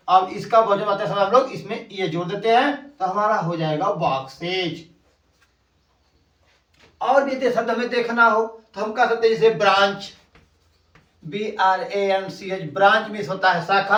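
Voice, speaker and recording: A man teaching an English grammar lesson, explaining slowly and spelling words out letter by letter. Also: sits high, a bit bright. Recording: echoey room, voice from a distance.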